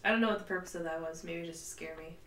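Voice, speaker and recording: A woman with a bright, forceful voice talks her way through a game, chatty and full of quick asides. She sounds like she is in a roomy home space, with a faint hiss under the recording. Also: on the low side, recorded from a distance. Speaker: let's play player. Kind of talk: casual gameplay commentary. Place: home room with a cat.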